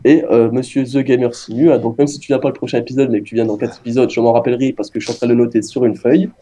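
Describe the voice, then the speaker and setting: A man's voice: medium pitch, fairly even intonation, very fast, warm tone, slight background noise. A man hosting a casual multiplayer farming game session, chatting with friends and addressing viewers, with many hesitant fillers. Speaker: gaming video host. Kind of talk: casual multiplayer gaming chat.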